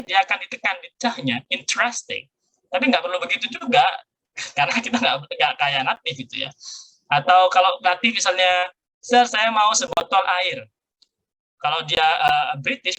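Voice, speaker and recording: Bright-voiced male lecturer explaining. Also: on the high side, husky, poor audio. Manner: explanatory, mixes Indonesian with English. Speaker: university lecturer. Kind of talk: online grammar lecture.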